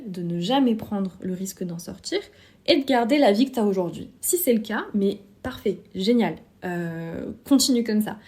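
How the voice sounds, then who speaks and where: A young woman hosts a solo podcast, speaking casually and directly to one listener. Her voice sits at a middle pitch with a mellow, dark tone. She drops in the odd self-deprecating aside. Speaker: podcast host. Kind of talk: solo podcast advice talk.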